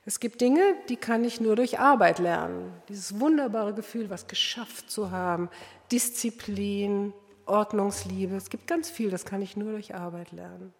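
Older woman, earnest sermon, addresses listeners directly, mid-pitched voice, long reverb of a hall. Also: a little slow, gravelly.

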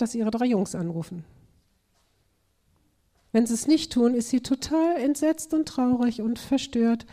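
A middle-aged woman addressing a church group, her voice mellow and warm and sitting a little high. She talks earnestly and gives her points slow, deliberate emphasis. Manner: earnest, reads aloud slowly with emphasis.

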